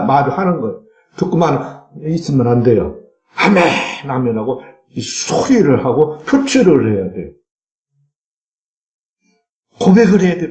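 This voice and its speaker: Pastor guy preaching hard, bit high-pitched, big echoey church sound. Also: mellow. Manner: fervent preaching, reads scripture aloud, sudden cries. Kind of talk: Sunday sermon. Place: church sanctuary.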